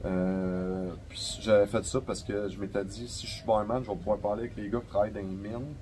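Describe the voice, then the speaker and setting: A young adult man with a Québécois French accent, a podcast guest telling stories in a slangy, profane, animated way. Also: fairly low pitch, fairly quick, slight background noise, rough recording. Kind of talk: casual storytelling chat.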